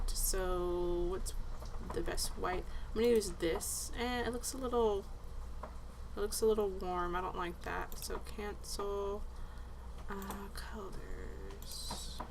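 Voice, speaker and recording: A woman's voice: medium pitch, measured pace. Casual woman vlogger, faint noise. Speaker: vlogger and candle maker. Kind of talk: casual vlog chat and tutorial. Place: indoors at home. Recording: faintly noisy home recording.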